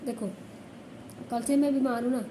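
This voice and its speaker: A woman's voice: high-pitched, fairly even intonation, normal speed, warm tone, roomy sound, slight background noise, rough recording. A woman vlogging at home while sick with a fever, complaining at length and often checking in with viewers. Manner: complaining, repeats herself, keeps asking "ठीक है?". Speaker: village vlogger. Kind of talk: casual vlog talk to camera. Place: home indoors.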